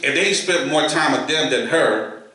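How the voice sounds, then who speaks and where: A man from New York co-hosting a podcast, talking quickly, repeating words and asking pointed questions. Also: a little high, bright, forceful tone, heavy reverb, low-quality recording. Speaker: podcast co-host. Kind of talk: casual chat.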